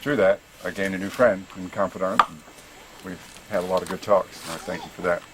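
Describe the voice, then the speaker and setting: A man's voice: deep voice, steady tone, a little fast, heavy background noise. A man, a musician, giving sincere, grateful thanks at a gathering.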